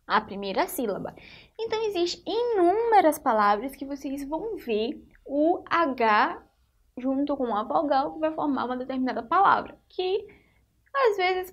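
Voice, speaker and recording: High, lively Brazilian teacher. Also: female voice, unhurried. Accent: Brazilian Portuguese. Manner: patient, checks in with "tá vendo?" and "certinho?". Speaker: primary school teacher. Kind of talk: children's phonics lesson.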